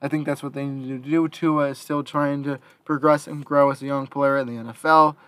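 A man's voice: medium pitch, flat delivery, fairly quick, a bit bright, no echo. A young man hosting a casual sports talk, reading out quotes and then giving his opinion with some hesitation. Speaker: podcast host.

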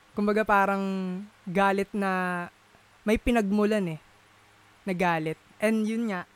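This man's voice is high, clear and resonant. He's chatting casually, often groping for words, filling pauses, and sliding into English in Taglish style.

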